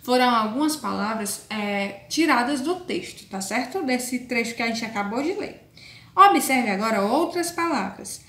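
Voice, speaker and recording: A woman teaching a recorded class to children, speaking slowly and carefully, spelling words out letter by letter and calling her pupils dear. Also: on the high side, animated, a bit bright. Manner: affectionate toward pupils. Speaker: primary school teacher. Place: room with a board. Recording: echoey room.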